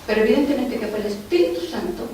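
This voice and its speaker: Mexican woman, earnest church testimony, emotional, fairly high voice, far from the mic, echoey hall. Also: lively intonation, quick pace, warm tone, slight background noise. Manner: earnest, emotional, often addressing the brothers and sisters. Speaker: doctor giving a church testimony. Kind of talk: testimony addressed to a congregation.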